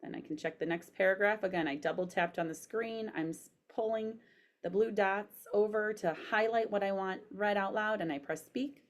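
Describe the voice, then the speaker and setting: A woman's voice: mid-range voice, moderate pace. A woman giving an instructional demo, dictating sentences aloud in the manner of someone speaking for voice typing.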